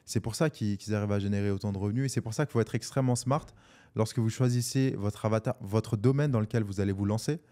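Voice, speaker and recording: A man's voice: on the low side, fast, warm tone. A man hosting a podcast in casual chat, speaking in slang and restarting his sentences while he searches for words. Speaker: podcast host.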